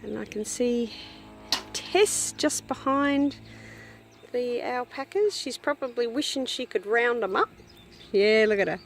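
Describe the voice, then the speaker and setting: A woman casually narrating a walk around her farm, chatting fondly and calling to her animals in a high sing-song voice. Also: lively intonation, a little slow, a little hiss or hum. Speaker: hobby farm vlogger. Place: outdoors on a rural property. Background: faint birds and farm animals.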